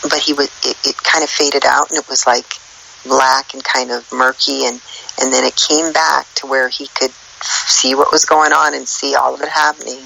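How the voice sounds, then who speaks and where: Guest woman with a deep, gravelly voice and a sharp, bright tone; earnest and rambling. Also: flat delivery, normal speed, slight background noise, low-quality recording. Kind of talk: casual spiritual chat.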